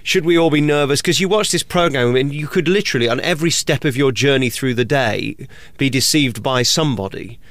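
A man's voice: medium pitch, brisk, fairly bright tone, no echo. Radio host guy asking leading questions, dry studio sound. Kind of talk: interview questions.

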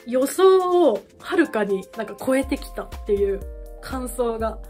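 A woman hosting a reaction video, reacting with excited exclamations and then talking through her thoughts casually. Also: fairly high pitch, measured pace, faint music behind.

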